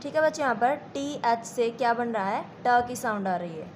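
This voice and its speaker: A woman's voice: a little high, expressive, a little hiss or hum. A woman teacher with an Indian accent giving a classroom lesson, repeating points and asking the students if they follow. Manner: slow and repetitive, checks understanding with questions.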